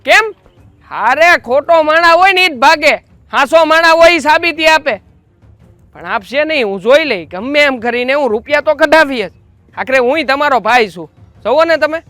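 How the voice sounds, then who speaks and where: A man's voice: extremely high pitch, lively intonation, moderate pace, bright, forceful tone, dry recording, soft background music, exaggerated voice. An actor playing a jobless younger brother who taunts and accuses his elder brother, with a Kathiawadi Gujarati accent. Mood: accusing. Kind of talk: rural family drama acting.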